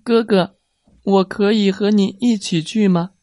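A man voicing a small, eager young male anteater, the little brother, in a high pleading voice. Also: fairly even intonation, a little slow, darkish tone, no room sound, studio quality.

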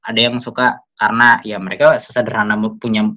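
A young man, a guest in a casual chat about football, talking in a relaxed way that often trails off softly. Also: on the low side, fast talker.

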